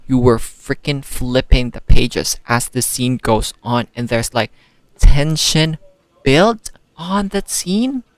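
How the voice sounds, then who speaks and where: A young man giving a casual, excitable spoken book review, full of slang and rhetorical questions. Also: mid-range voice, takes it slowly, no echo. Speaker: book vlogger.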